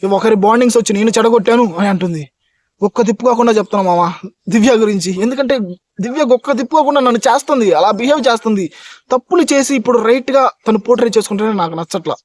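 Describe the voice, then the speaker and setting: High, rapid-fire male reviewer. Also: no room sound. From India. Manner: emphatic, talks straight to fans, repeats points. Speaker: reality show reviewer. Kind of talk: fast opinionated review monologue.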